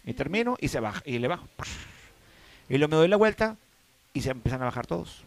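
A man's voice: a little high, very animated, fast, gravelly. A man with a Mexican accent in a casual chat, joking and laid back, full of slang. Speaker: actor.

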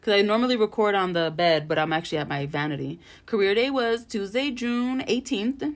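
A woman's voice: medium pitch, expressive, brisk. A young adult woman hosting a casual solo podcast from home. She talks frankly and chattily and swears freely. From Puerto Rican family. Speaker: podcast host. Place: bedroom vanity at home.

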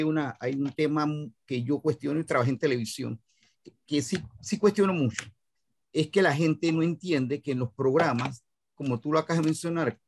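A man hosting an interview and giving his views in a measured, reflective way. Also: a little high. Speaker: interviewer, host. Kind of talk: casual interview talk.

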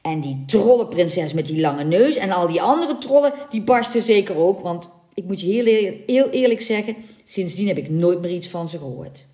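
A woman reading a folk tale aloud as a podcast host, with lively, playful storytelling and small slips. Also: lowish voice, moderate pace, hardly any pauses, roomy sound.

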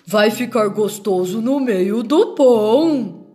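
A woman voicing a big, hungry gruffalo in a storybook reading, drawing out her words slowly. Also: a little high, animated, mellow, soft background music. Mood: hungry, amazed. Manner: slow drawn-out delivery.

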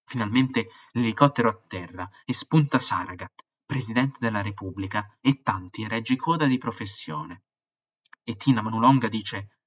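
A man with a fairly low, husky voice reads a story slowly and dramatically. The recording sounds dull and lo-fi, like a home podcast. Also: fairly bright tone. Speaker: podcast host. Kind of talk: reading a book passage aloud, then history podcast narration.

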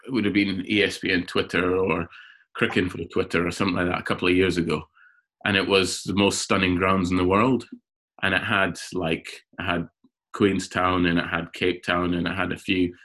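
A man who is a cricketer guest on a podcast, telling animated stories in casual chat and often repeating words as he gets going. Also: sits low, normal speed. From Scotland.

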